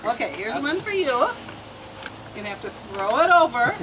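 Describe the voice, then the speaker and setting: A woman's voice: a little high, very animated, normal speed. A woman chatting casually with young children, coaxing and instructing them through party games with plenty of endearments. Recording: noisy home video with loud ambient noise.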